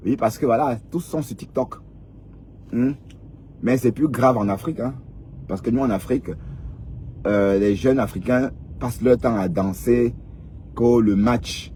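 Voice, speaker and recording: Slight background noise accompanies this vlogger, a man in his fifties whose mid-range, darkish voice lectures viewers in a casual monologue. He repeats himself and keeps prodding with "hein?".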